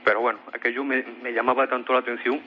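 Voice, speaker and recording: Speaking fast in a level, medium-pitched tone, a man with a Spanish accent from Spain shares a strange thing that happened to him, as a guest on a radio mystery show. Frequent hesitations and repeated words mark his storytelling about the paranormal. The muffled audio carries a little hiss or hum.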